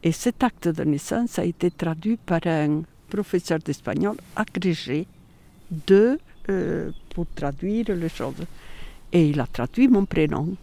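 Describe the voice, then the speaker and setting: Older Catalan woman, gravelly and dark. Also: fairly low pitch, expressive, measured pace. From Catalonia, Spain. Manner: chatty, hesitant, many fillers. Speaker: interviewee. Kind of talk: casual recollection.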